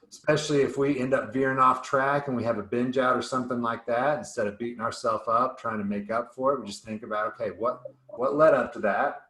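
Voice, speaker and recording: A man's voice: medium pitch, fairly bright tone, roomy sound. A man coaching a group on nutrition in a casual, upbeat way, rambling a little and often restarting words.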